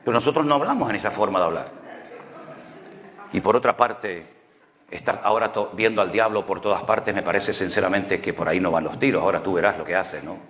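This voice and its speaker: A man's voice: sits low, brisk, fairly bright tone, in a large hall. A man preaching a sermon in Canarian Spanish, telling stories in a conversational way and often asking rhetorical questions. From Canary Islands. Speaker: pastor.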